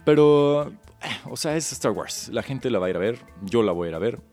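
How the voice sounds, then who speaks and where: A man with a low-pitched Mexican voice co-hosts a film podcast. He explains things in an informal, slangy style, talking as he would to a friend. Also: expressive, a little fast, a little mellow, faint music behind. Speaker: podcast co-host. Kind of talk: casual chat about films.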